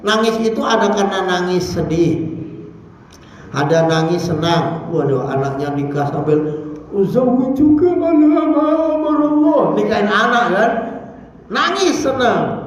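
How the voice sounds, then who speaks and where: A man preaching a dawn sermon in a mosque, lively and teasing, asking the audience questions and swinging between high stresses and low mutters. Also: heavy reverb, big-room sound, poor audio.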